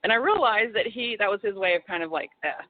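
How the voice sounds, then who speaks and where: A woman's voice: medium pitch, lively intonation, quick pace, no echo. A woman author chatting as an interview guest, rambling with lots of restarts and asides. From Texas. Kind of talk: casual phone interview. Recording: tinny phone line.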